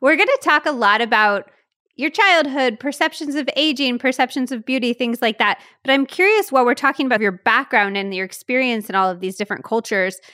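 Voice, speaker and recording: A podcast host with a fairly high, sharp voice speaks a little fast, bubbly and effusive as she asks interview questions and reads an ad. The recording is dry and studio quality.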